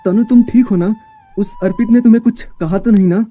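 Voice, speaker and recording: Man voicing a manipulative ex-boyfriend villain for an audio story, warm, very dark tone, slightly high. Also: fairly quick, faint music behind. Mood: pleading. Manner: pleading, then gloating. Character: scheming young male ex-lover, manipulative. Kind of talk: Hindi audio drama acting.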